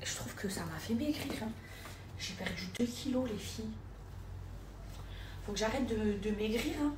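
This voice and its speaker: A woman's voice: on the high side, lively intonation, normal speed, background noise. A woman in her thirties chatting casually to her followers in a vlog, filming herself on the go. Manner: chatty, keeps calling out to her viewers. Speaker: vlogger. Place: indoors then car and shops, mostly on the go.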